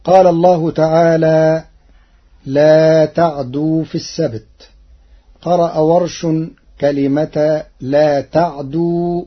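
A man with a slightly high, husky voice teaches Quranic recitation rules at an unhurried pace. He explains each point methodically and draws out the quoted verses. The recording sounds dull and lo-fi.

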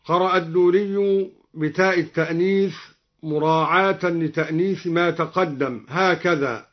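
A man teaching Quran recitation variants, explaining each one and then reciting the verse as an example in a measured way. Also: a little high. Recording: dull lo-fi recording.

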